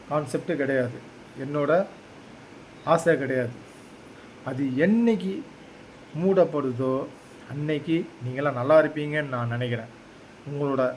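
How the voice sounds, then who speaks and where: A man's voice: a little high, slight background noise, rough recording. A man with a Tamil Nadu accent making an earnest, pleading appeal to his viewers. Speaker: social media commentator. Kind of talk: pleading direct-to-camera appeal.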